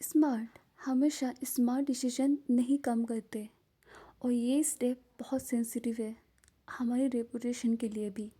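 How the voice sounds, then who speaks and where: A woman's voice: a little high, steady tone, measured pace, warm tone, breathy edge. A woman voicing a strict, irritable middle-aged father who talks in a stern, curt way.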